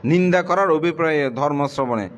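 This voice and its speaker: A middle-aged Buddhist monk delivering a sermon to lay followers in a plain, conversational way, his voice sinking low as he finishes each point. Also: brisk, lo-fi sound, a little hiss or hum. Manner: plain conversational preaching, pitch drops at the end of points.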